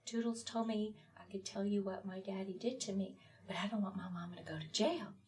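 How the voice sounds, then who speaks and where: A woman voicing a frightened six-year-old girl in a hushed whisper, a whispered role-play within a told story. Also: medium pitch, fairly quick, close to an everyday voice. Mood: fearful. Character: frightened little girl around six, secretive.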